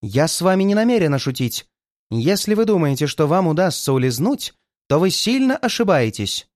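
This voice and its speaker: A man's voice: on the high side, big pitch swings, normal speed, no echo, clean studio sound. A man voicing a cold, murderous young woman who threatens and mocks in a raised, strained voice. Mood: menacing. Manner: threatening, mocking, shouting in fury.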